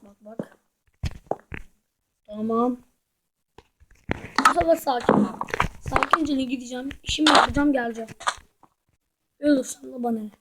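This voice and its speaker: A woman's voice: high-pitched, unhurried, pauses often. A woman giving casual commentary while playing a video game, who flares up in frustrated outbursts and mutters to herself. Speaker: gamer. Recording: loud background noise and clicks.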